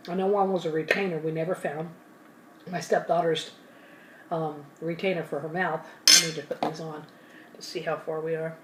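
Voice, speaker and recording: A woman's voice: low voice, level tone, normal speed, recorded from a distance, heavy background noise. A woman hosting an ASMR channel, telling a story in a casual, rambling way while eating, sometimes talking with her mouth full and correcting herself. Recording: roomy and from the mic, faint ambience.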